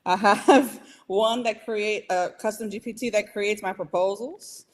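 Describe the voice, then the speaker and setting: Chatting on a casual podcast, a Northeastern US businesswoman consultant with Puerto Rican roots speaks a little slowly in a medium pitch. She hands out advice emphatically, going back over her points for stress.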